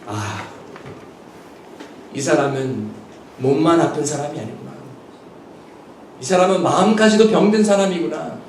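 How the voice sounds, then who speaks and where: A man with a high voice preaches a Sunday sermon, his earnest delivery shifting as he voices the questions he quotes. The sound is roomy and taken from some distance, with the echo of a church sanctuary and a faint hum of ambience behind him. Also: unhurried, pauses often, a little mellow. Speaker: pastor. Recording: echoey church hall picked up from a distance.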